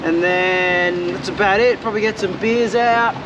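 An Australian man vlogging from a small boat on a windy river, talking in a laid-back, slangy way with sudden loud whoops. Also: sits high, steady tone, normal speed, dull audio. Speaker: fishing vlogger. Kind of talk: casual outdoor vlog narration.

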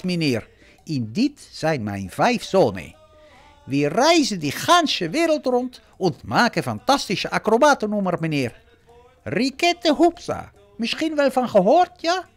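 A man's voice: sits high, voice pushed up, exaggerated voice. A man voicing a flamboyant, proud lady who leads an acrobat troupe, speaking in an affected, showy way with odd foreign-sounding phrasing.

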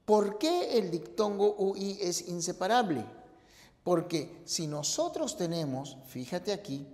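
A man teaching a grammar lesson, explaining slowly and deliberately and spelling out example words one by one. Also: sits high, big pitch swings, darkish tone, in a large hall.

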